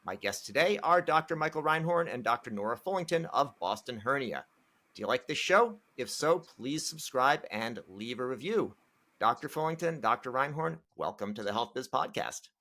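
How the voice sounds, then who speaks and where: A man's voice: mid-range voice, expressive, normal speed, pushed and bright. A man hosting an interview podcast, asking questions in a loose, friendly way with restarts. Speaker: podcast host.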